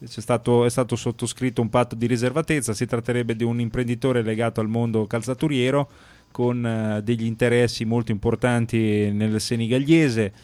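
A man's voice: medium pitch, level tone, brisk, a little mellow, dry recording. Male football talk host, dry close sound. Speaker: sports talk show host. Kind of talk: casual live football talk.

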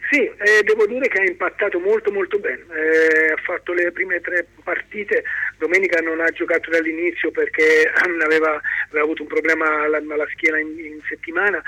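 Husky bright-voiced man over a phone line. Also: on the high side, dry recording. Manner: halting, with many restarts and repeated words. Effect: over a telephone line. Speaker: phone-in guest, club consultant. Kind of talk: radio phone interview.

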